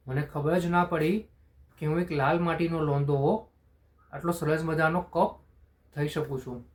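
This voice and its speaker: Man telling a story, slightly high voice. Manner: slow, unpolished first-person storytelling with restarts. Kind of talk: spoken short story narration.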